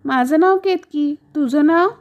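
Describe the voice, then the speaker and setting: A woman voicing an inquisitive, chatty little girl with a high, eager, questioning voice. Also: measured pace, dull audio. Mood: curious.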